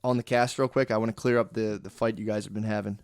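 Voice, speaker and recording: A man hosting a podcast in casual chat, talking in halting, restarting phrases. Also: lowish voice, fairly even intonation, smooth, no room sound, studio quality. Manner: rambling, halting, with frequent restarts. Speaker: podcast host.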